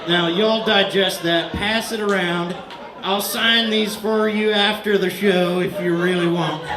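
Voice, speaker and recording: A man doing a loud, rambling stand-up set in a bar, mock-earnest and bantering with the crowd, a little out of breath. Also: high-pitched. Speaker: stand-up comedian. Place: bar stage with laughing crowd. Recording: echoey bar room, crowd laughter.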